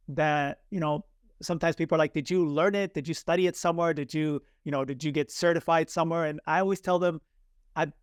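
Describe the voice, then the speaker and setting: A Chilean man in his forties, a native Spanish speaker and communication coach, appears as a podcast guest telling a personal story. His fairly high, clear, resonant voice is animated as he acts out the people he quotes. The studio recording is clean, with no echo.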